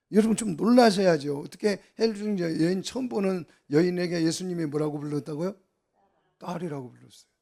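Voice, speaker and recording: A middle-aged man preaching a Bible sermon in a gravelly voice that sits a little high for a man. He keeps asking the congregation questions and answers them himself, pushing up with animated emphasis. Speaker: pastor. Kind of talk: expository sermon.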